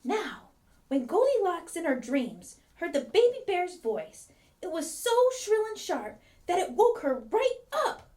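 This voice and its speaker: A woman narrating a children's fairy tale from a script, with expressive storybook emphasis. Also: very high voice, a little slow.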